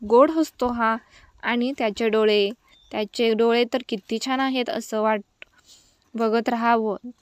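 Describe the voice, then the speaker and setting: A shy, dreamy young college girl quietly admiring someone, voiced by a woman reading the story. Her voice is smooth, clear and a little high, close and dry. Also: fairly even intonation, unhurried, no echo, lightly acted.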